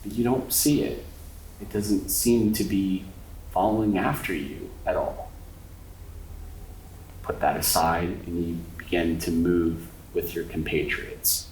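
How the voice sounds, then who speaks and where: A man's voice: deep voice, fairly even intonation, takes it slowly, darkish tone. A man narrating a tabletop horror game as game master, describing scenes and talking directly to the players. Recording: roomy echo, distant mic, faint noise.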